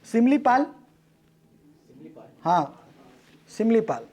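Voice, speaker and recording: High-pitched guy teaching a class, fires off quiz questions and calls on students quick. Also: very animated, dark tone. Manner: brisk, repeats answers back, jokes with class.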